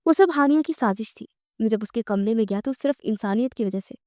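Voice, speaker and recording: A woman's voice: a little high, a little mellow, no echo, studio quality, close to an everyday voice. A woman reading as a firm, tender young husband. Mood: earnest. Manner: earnest, reassuring.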